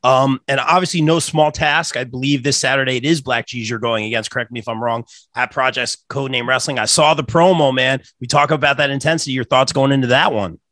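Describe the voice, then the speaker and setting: A man's voice: mid-range voice, fairly even intonation, fast talker, hardly any pauses, a bit bright, dry recording. A man hosting a casual interview in an informal, chummy way. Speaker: interview host.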